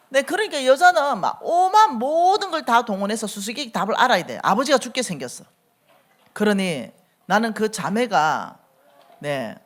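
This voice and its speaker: A middle-aged woman, preaching a sermon as a church elder and acting out the quoted speech as she tells the story. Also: mid-range voice.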